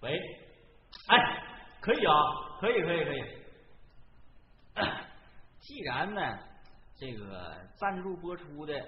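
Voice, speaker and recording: A man hosting a casual livestream, loud, playful and laughing often. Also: on the high side, very animated, slow, long pauses, a little hiss or hum. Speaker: livestream host. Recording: dull lo-fi stream audio.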